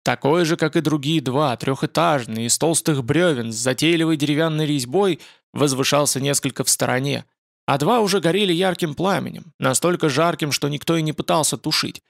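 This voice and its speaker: A man narrating a fantasy novel as an audiobook in steady storytelling. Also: on the high side, fairly quick, creaky, dry recording, studio quality.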